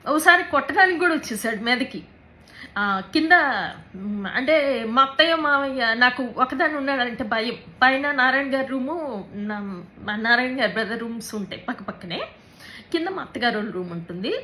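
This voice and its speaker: A woman giving a personal account in an interview, speaking haltingly, repeating words and mixing in English words. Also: on the high side, expressive, bright, forceful tone, rough recording. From Andhra Pradesh, India.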